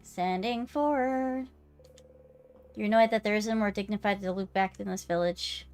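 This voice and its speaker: A woman's voice: mid-range voice, normal speed, darkish tone, clear, resonant tone. A woman live streamer chatting casually with viewers and commenting on the game she plays. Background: game music.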